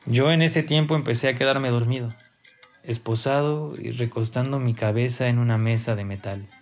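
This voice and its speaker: A man tells a grim first-person horror tale. His delivery is tense and dramatic, climbing higher at the sharp turns. Faint music plays quietly under his voice. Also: steady tone, normal speed. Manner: tense, dramatic, rises in pitch at key moments. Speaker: narrator.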